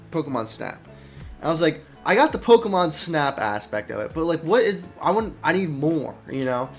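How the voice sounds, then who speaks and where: A young man, an indie game developer, chatting casually while showing his game, rambling with many restarts and thinking aloud. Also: a little high. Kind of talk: casual dev stream chat.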